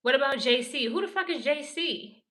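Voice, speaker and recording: A woman's voice: sits high, moderate pace, bright, forceful tone. A woman from New Orleans ranting profanely in casual livestream commentary, answering her chat. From New Orleans, Louisiana. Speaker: pop culture commentator.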